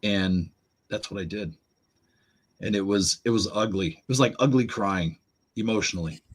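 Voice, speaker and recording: Man, husky voice, low pitch, animated storyteller, interview guest. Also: moderate pace. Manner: animated storyteller, acts out quotes in raised voice. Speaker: podcast guest. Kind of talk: storytelling conversation.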